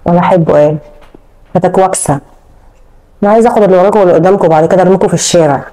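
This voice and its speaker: A man's voice: high-pitched, very fast, close to an everyday voice, poor audio. A man voicing a scheming Egyptian young wife. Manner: coaxing, unbothered, calm while plotting.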